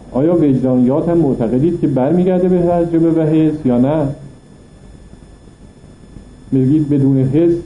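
A man at middle pitch gives a classroom philosophy lecture. He reads a passage, then unpacks it step by step and presses his argument with rhetorical questions. The sound is roomy and a little dull, with faint noise behind him. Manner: reads Arabic passages then explains them in Persian; argues point by point with rhetorical questions. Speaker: philosophy teacher. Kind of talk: classroom lecture reading and explaining an Arabic text.

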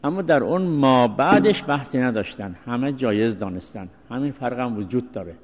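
A man giving a seminary lecture on Islamic law, explaining in measured, short phrases with pauses. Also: mid-range voice, expressive. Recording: dull lo-fi recording with long reverb.

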